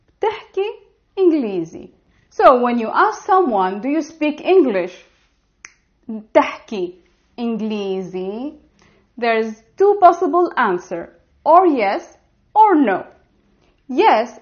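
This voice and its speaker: A woman whose first language is Arabic, giving a beginner language lesson and repeating words slowly and carefully. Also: a little high, lo-fi sound. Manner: slow, careful repetition of words. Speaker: Levantine Arabic teacher.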